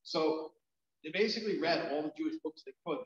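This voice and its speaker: A man, a rabbi, tells stories at a community event in a lively, chatty way, full of fillers and restarts. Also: fairly high pitch, brisk. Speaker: rabbi, storyteller. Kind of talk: storytelling talk at a community event. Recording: very echoey, dull event hall sound.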